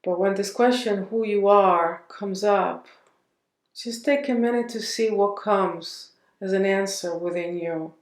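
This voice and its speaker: In a mid-range voice, a woman guides a meditation gently and without hurry, leaving long pauses between phrases. The room sounds echoey.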